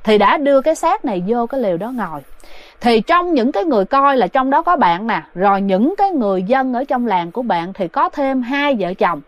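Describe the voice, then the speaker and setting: Speaking straight to her listeners, a woman narrates a ghost story in a chatty, sing-song way. Her voice is fairly high and brisk, and the recording has no room sound at all.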